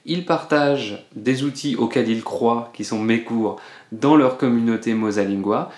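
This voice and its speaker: A man's voice: mid-range voice, a little slow, darkish tone. A man teaching French in a casual video lesson, explaining patiently with frequent hesitations. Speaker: French teacher, channel host. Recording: roomy echo.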